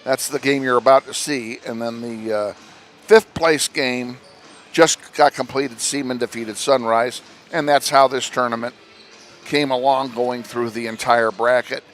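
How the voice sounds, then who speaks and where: A man's voice: medium pitch, steady tone, a little slow, fairly bright tone. A man with a Midwestern American accent giving an informal pregame tournament recap, with many fillers and self-corrections and slightly out of breath. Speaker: play-by-play broadcaster. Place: school gym broadcast booth.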